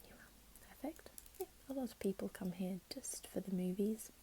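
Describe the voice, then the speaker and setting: A woman playing a helpful, chatty librarian in a whispered role-play, speaking in a gentle, unhurried library whisper. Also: mid-range voice, a little hiss or hum, close to an everyday voice. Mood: friendly, attentive. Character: helpful, chatty female librarian signing up a patron.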